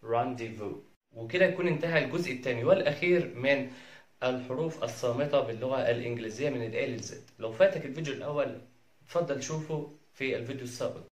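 An Egyptian man runs a pronunciation lesson, his voice sitting at a middling pitch. He says every example word slowly, three times over. The room around him rings with noticeable echo. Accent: Egyptian Arabic. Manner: repeats each word three times, slow and careful. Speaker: English teacher. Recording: echoey room.

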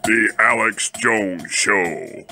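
A man with a very deep voice giving a mock radio show introduction in a slow, exaggerated announcer delivery. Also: sharp tone. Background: music.

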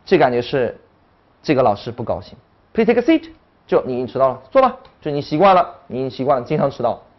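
Lively woman teaching an online English class. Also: rumbling low, fast talker, lo-fi sound. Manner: animated, demonstrating tones by voice.

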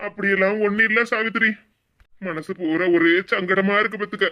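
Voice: mid-range voice, pushed and bright, lightly acted. A voice actor playing a remorseful older village husband in a cartoon, with a Kanyakumari Tamil accent, speaking heavily and reluctantly. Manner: heavy, guilt-laden, slow to explain. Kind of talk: cartoon voice acting.

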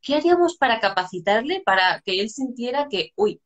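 A woman's voice: fairly high pitch, very animated, a little fast, muffled recording. A woman from chatting casually about parenting, telling family anecdotes with lots of restarts and "¿sabes?". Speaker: psychologist and co-host of live chat. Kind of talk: casual live-stream chat on parenting.

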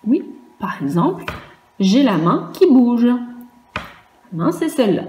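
A woman teaching a virtual class to young children, patiently spelling words out letter by letter in a slow, clearly articulated lesson. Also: a little high, big pitch swings, a little mellow. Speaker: primary school teacher. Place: room at home for a virtual class. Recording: echoey room with faint background noise.

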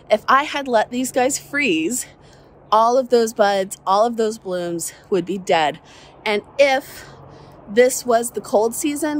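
A woman's voice: on the high side, a little hiss or hum. A woman, chatting casually and upbeat as she walks through her garden, speaking into a phone held at arm's length outdoors. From southern Alabama, USA. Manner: chatty, upbeat, folksy asides. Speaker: garden vlogger. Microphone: phone camera held at arm's length. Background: faint outdoor ambience, passing helicopters.

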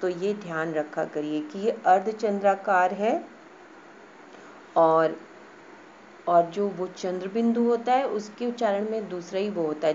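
A woman schoolteacher giving a lesson to young children, speaking slowly and patiently, repeating and spelling out words. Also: mid-range voice, a little mellow, dull audio, a little hiss or hum. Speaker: school teacher. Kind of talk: online class lesson.

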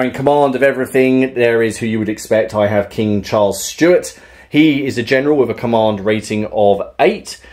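Low-voiced man chatting over a wargame. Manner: relaxed, chatty, explains rules with fillers and laughs. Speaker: tabletop wargame player and channel host. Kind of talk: casual battle report commentary. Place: home room with a wargame table.

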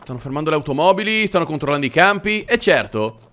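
A man, giving excitable, jokey let's-play commentary as he plays a war game. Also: a little high, fast. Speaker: gaming commentator. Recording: game gunfire behind.

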